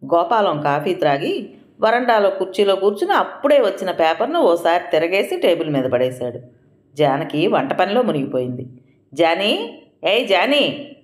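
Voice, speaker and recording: A woman narrating a domestic story in an expressive, animated storytelling manner. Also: lowish voice, moderate pace. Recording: roomy echo.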